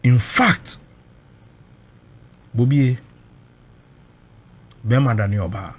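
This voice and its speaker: A Ghanaian man recounts a personal experience emotionally, switching between Twi and English and repeating phrases for weight. He's emphatic and dramatic, speaking very slowly in a mid-range voice with a breathy edge.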